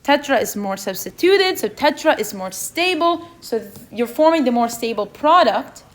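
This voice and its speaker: A woman's voice: sits high, animated, moderate pace. A young woman with a non-native English accent leading an exam review session, asking the students questions and checking in with "okay?" as she goes. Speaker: chemistry review session leader.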